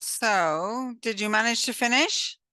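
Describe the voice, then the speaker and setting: A woman's voice: on the high side, slow, pushed and bright, dry recording. A woman teaching a class over a video call, encouraging and hesitant, with many fillers as she thinks aloud. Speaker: course teacher. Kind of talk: online class instruction.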